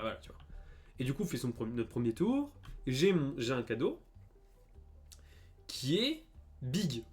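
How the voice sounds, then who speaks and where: A young man streaming a game, telling a story casually with many fillers and stammers. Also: medium pitch. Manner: animated, stammering, heavy fillers. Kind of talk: casual storytelling over gameplay.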